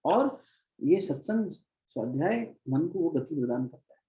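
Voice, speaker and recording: A man's voice: a little high, very animated, unhurried, mellow, low-quality recording. A man teaching at a devotional gathering, telling parables and repeating phrases for emphasis. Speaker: spiritual teacher. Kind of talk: devotional discourse.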